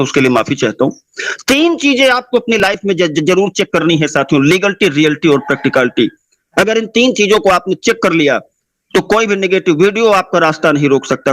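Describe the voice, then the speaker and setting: A man's voice: fairly high pitch, fairly bright tone, dry recording. A man giving an impassioned motivational speech to listeners, repeating his points and exhorting them. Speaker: motivational speaker.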